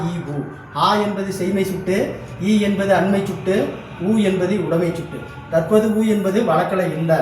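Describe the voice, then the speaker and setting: High-voiced teacher in a very echoey hall. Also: male voice, a little mellow. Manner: repeats a checking tag after nearly every phrase; spells out letters one by one, drilling. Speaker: exam coaching teacher. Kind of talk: classroom exam-answer lesson. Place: classroom hall. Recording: very echoey room, voice far from mic.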